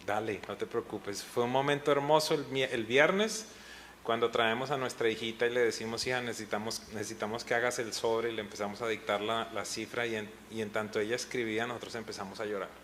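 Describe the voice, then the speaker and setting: A man's voice: lowish voice, quick pace, a bit bright, slight background noise. A middle-aged man, a pastor, telling a personal story with feeling, sometimes retelling moments when he was in tears. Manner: earnest storytelling with emotional retellings. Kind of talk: testimony in a pastors' panel talk.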